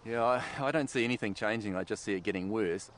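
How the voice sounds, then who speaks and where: A man's voice: on the low side, quick pace, a little hiss or hum. A man giving an earnest, spontaneous interview answer, repeating phrases as he goes. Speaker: interviewee, clean water campaigner.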